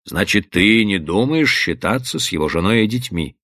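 A man's voice: lowish voice, lively intonation, moderate pace, sharp tone, no echo, clean studio sound, voice pushed down. A man doing a stern old father. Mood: mocking. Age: older. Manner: mocking then thundering. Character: stern older Irish-American father, sarcastic, furious.

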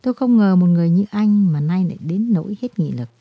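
A woman's voice: on the low side, lively intonation, fast, no echo. Storybook figure: shocked, tearful young wife, pleading, read by a woman on a dull, dry recording. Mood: grieving.

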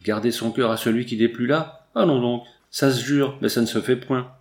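A man's voice: mid-range voice, steady tone, moderate pace, close to an everyday voice. A man voicing a jilted young peasant who speaks bitterly and sarcastically, with blunt rustic turns of phrase, in a storybook reading. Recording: roomy echo.

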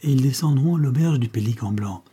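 A man's voice: mid-range voice, animated, a little fast, dark tone, husky. A man reading the part of a cold-blooded male henchman who answers his master in a subdued, deferential way.

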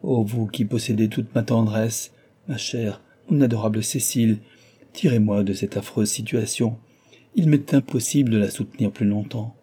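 A man playing a young lovesick gentleman, fervent and remorseful in a classic novel reading. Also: lowish voice, fairly even intonation, moderate pace, breathy edge. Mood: impassioned. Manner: impassioned, exclamatory, pleading.

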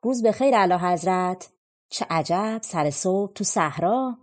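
Storybook young pruner, read by a woman: humble, content, courteous, lowish voice. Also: expressive, close to an everyday voice. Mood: cheerful. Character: cheerful young male vine pruner.

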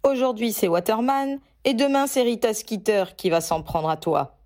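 A woman's voice: a little high, normal speed, a little mellow, lightly acted. A woman reading a storybook, voicing a blunt, hot-headed young man. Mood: indignant.

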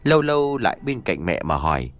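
A man narrating a spoken story, his voice rising and falling in a lively, dramatic sweep. The recording is dry and close, with no room sound. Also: on the low side, brisk, dry recording. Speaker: audiobook narrator.

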